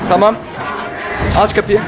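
A man giving live commentary while playing a horror game, jumpy and panicky, often yelling and swearing. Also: high-pitched, flat delivery, a little slow, loud music behind the voice.

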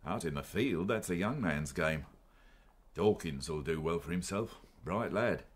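An English actor playing a weary, grumbling older police inspector in a radio drama. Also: male voice, deep voice, lively intonation, unhurried, slightly rough, full character voice. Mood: weary, wry.

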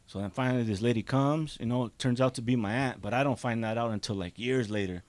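Telling his life story in a casual, rambling way, this thirty-something podcast guest keeps saying "you know." He grew up in Juarez, Mexico and in Azusa, California, and speaks fast in a medium-pitched, darkish voice, recorded dry on a desk mic close by in a small studio.

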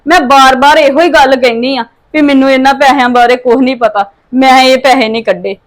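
A woman's voice: high-pitched, fairly even intonation, a little fast, lightly acted. A woman playing a wronged daughter-in-law accused of theft, pleading and aggrieved. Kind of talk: family drama acting.

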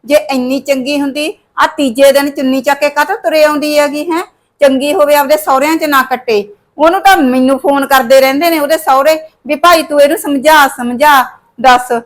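A nagging middle-aged mother-in-law from a village drama, grumbling about her family, played by a woman. Her voice sits high and she speaks, scolding and complaining at length. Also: fairly bright tone. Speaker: actor in a short village drama. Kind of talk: scripted village short film acting.

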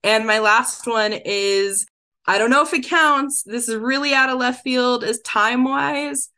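A woman co-hosting a podcast in a casual chat. Her voice is bright and sits a little high, and she rattles eagerly through a list. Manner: enthusiastic, rapid list-reading. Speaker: podcast co-host.

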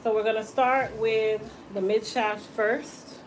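A woman's voice: on the high side, steady tone, takes it slowly, noisy background. A woman hair stylist chatting casually as she explains her work in a small salon, laughing at viewer comments. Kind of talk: casual salon tutorial livestream.

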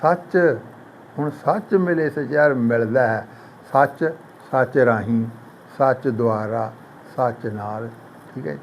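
Slow gravelly man teaching scripture grammar. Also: medium pitch, slight background noise, rough recording. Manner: slow, repetitive explanation, chanting quoted verses. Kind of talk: devotional grammar lesson.

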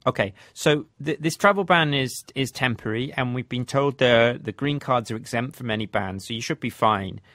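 A man's voice: medium pitch, moderate pace, hardly any pauses, fairly bright tone, dry recording, studio quality. A man working as a reporter, asking probing interview questions with a few restarts.

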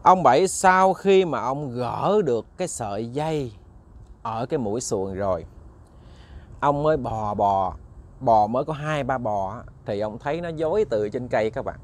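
Speaking at a normal pace with animation, this man narrates a ghost story for his channel in a Southern Vietnamese accent and a mid-range voice. He's chatty and talks straight to listeners, frequently repeating words while he looks for the next.

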